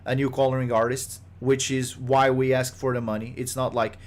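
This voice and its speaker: A man's voice: medium pitch, level tone, moderate pace. A man who develops games, giving a casual podcast update, rambling with many fillers and restarts and sounding exasperated at rumors. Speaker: game studio developer.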